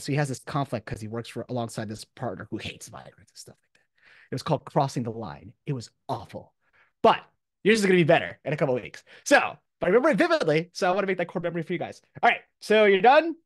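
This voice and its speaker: A mid-range male voice comes through studio-quality audio with no echo. Speaking as a college professor, he delivers a relaxed, encouraging lecture to his class using casual slang.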